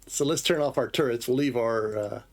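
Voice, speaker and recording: A man's voice: medium pitch, moderate pace, slight background noise. A man streaming a game live, talking casually and rambling through his explanations, with plenty of fillers. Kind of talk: live gameplay commentary.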